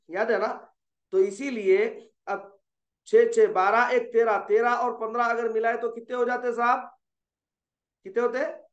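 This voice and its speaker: A man teaching Quran recitation rules, explaining patiently and stopping often to ask whether students have understood. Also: high-pitched. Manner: explains patiently, asks checking questions, slows for drawn-out examples. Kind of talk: online tajweed lesson. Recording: dull, echoey room sound.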